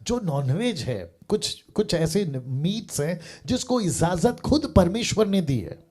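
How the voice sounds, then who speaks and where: An earnest male preacher reasoning with a caller through homely examples. His voice sits a little high, with a soft husky grain and a mellow, dark tone. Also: big pitch swings, unhurried. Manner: earnest, reasoning by everyday examples, repeats "sir". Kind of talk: live call-in Q&A.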